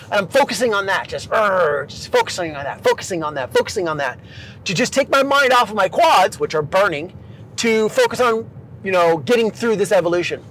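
Brief: high-pitched man, casual storyteller, animated, acts out quotes with big swings. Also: brisk, slight background noise, poor audio. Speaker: former Navy boat crewman.

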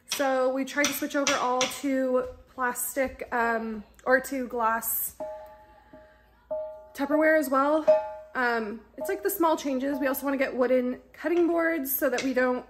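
Young woman, pregnant, casual vlog chat, phone mic, slightly high voice, light background hiss. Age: young adult. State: pregnant, tired from insomnia. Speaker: vlogger, stay-at-home mom. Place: large bright home kitchen and living room, indoors. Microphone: phone held at arm's length.

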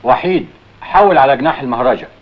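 A man's voice: mid-range voice, animated, quick pace, natural voice. A man playing a commanding surveillance chief with an Egyptian accent in an old film. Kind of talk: 1970s Egyptian film acting. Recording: dull old film soundtrack.

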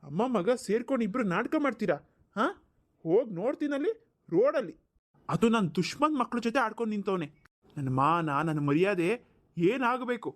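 A man's voice: high voice, animated, normal speed. A man voicing a scornful angry cartoon father. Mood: scornful scolding. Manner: mocking laughter, scolding, sneering. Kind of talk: cartoon voice acting.

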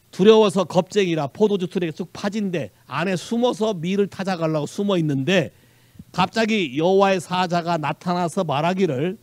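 A man's voice: sits high, darkish tone, no room sound. A male Korean pastor preaching a sermon with animation, mixing in English phrases and quizzing the congregation. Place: church sanctuary.

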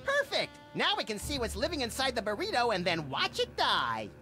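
An actor voicing a small, manic, mischievous cartoon rabbit in a comedy video game. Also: male voice, very high-pitched, huge pitch swings, fairly quick, pushed and bright, exaggerated voice. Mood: gleeful. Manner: mischievous, gleefully morbid. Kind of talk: animated comedy adventure game dialogue. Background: music.

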